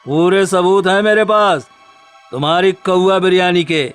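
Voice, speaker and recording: For a Hindi cartoon story, a man dubs a smug, scheming neighbour who blackmails others, taunting in a drawn-out, theatrical, menacing way. His high, smooth voice plays over faint background music.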